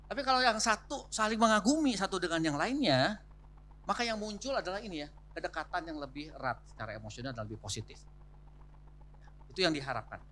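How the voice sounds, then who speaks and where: Guy giving a church couples talk, bright voice, chatty asides, slightly high. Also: animated, fast. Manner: warm, conversational teaching with frequent rhetorical asides. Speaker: marriage seminar speaker. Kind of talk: church marriage seminar talk. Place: church hall.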